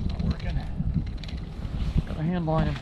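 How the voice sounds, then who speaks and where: Ice fishing outdoors on a frozen pond, a man in his forties who vlogs about fishing talks casually at a moderate pace with a fairly high pitch, getting excited when fish bite. The audio from his body-worn action camera has the highs cut off and loud wind noise on the mic.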